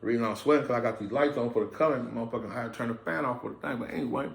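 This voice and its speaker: A man races through a personal story to his camera, swearing freely and speaking in a blunt, streetwise way. His medium-pitched voice has vocal fry. He's filming himself under lights in an indoor room, and the camera mic captures an echoey space.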